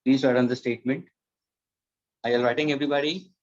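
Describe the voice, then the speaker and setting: A man teaching physics in an online class, switching between Hindi and English and repeating phrases slowly for dictation. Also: medium pitch, steady tone, dull audio, a little hiss or hum.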